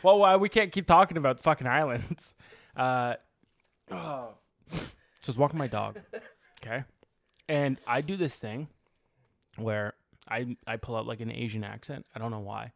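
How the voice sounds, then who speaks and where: A man's voice: mid-range voice, moderate pace, creaky, pauses often, dry recording. A man co-hosting a podcast, telling stories in casual chat, laughing a lot and swearing freely. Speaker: podcast co-host.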